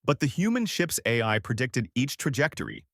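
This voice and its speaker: A man narrating a science-fiction story in a lively, dramatic way. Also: medium pitch, normal speed, dry recording, studio quality. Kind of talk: scripted sci-fi story narration.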